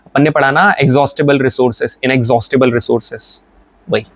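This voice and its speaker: A man's voice: medium pitch, steady tone, fairly quick. Chatty Indian man teaching vocabulary. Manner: chatty, joking, brotherly, with English example sentences. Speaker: English teacher. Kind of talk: casual Hindi vocabulary lesson.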